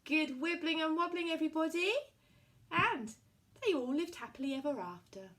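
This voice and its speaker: A woman tells a puppet story for small children in an animated way, using simple, repetitive phrasing. Her voice is high and her speed is normal.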